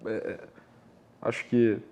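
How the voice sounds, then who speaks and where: A man's voice: slow pace, mellow, muffled recording. A man hosting a podcast, telling a reflective story in an informal, conversational way. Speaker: podcast host. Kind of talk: casual podcast interview.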